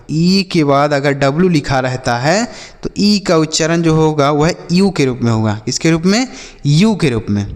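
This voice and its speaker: A man teaching English phonics to children, patiently repeating each sound and quizzing his pupils. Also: a little high. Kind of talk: classroom-style phonics lesson. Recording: long reverb, hall-like echo.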